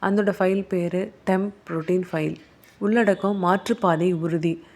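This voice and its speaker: A woman voicing a calm, measured, cunning male police investigator. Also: on the low side. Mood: scheming.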